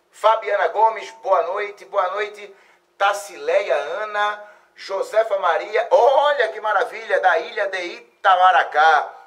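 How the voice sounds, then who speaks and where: A man leads an exam-prep live lesson, chatty and quick to exclaim. His voice sits high and sounds sharp and bright. It comes from a little way off the mic in a plain studio. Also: recorded from a distance. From Salvador, Bahia, Brazil. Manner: chatty, effusive, lively exclamations. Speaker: geography teacher hosting an exam-prep live stream. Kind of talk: live-stream lesson, greeting chat viewers.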